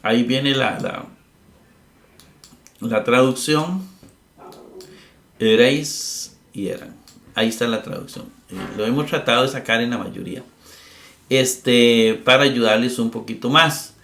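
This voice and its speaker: A man's voice: medium pitch, fairly even intonation, measured pace, pauses often, a bit bright. Patient man teaching grammar in a roomy space. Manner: patient, explains step by step with frequent "verdad?" and "eh". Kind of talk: recorded grammar lesson.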